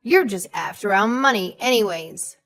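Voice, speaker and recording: With faint music in the background, a woman delivers an animated, mid-range performance at normal speed. Her role in the scripted audio story is a scornful, suspicious elderly mother-in-law who speaks sharply and condescendingly, calling others "sweetheart" and "darling."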